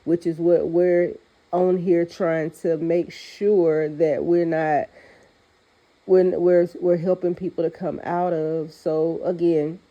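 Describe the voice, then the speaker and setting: A woman's voice: fairly low pitch, flat delivery, slow, highs cut off. A woman with a congested, nasal voice, as if her nose were pinched, giving earnest, off-the-cuff spiritual advice as a host. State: congested from recent illness. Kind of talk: spiritual pep talk, speaking off the cuff.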